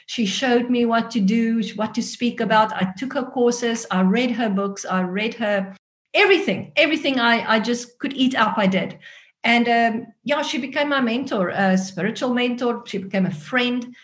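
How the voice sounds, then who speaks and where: A fairly high-pitched woman in her forties, a native Afrikaans speaker with a South African Afrikaans accent, speaks at a normal speed. As a guest author being interviewed, she tells her own story expressively.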